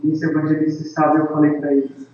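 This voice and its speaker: Man, earnest evangelist testimony, solemn and drawn-out, boomy echoing room, muffled lo-fi recording. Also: monotone, a little mellow. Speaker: evangelist and worship leader. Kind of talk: earnest personal testimony to camera. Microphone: camera microphone. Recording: echoey, distant, dull lo-fi with faint ambience.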